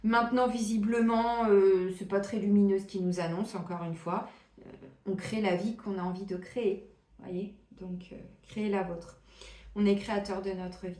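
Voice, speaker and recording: Casual woman doing a spiritual card reading, soft and rambling, lots of little pauses, room sounds kinda echoey. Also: medium pitch, steady tone. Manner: soft, meandering, frequent hesitations and asides. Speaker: tarot and oracle card reader.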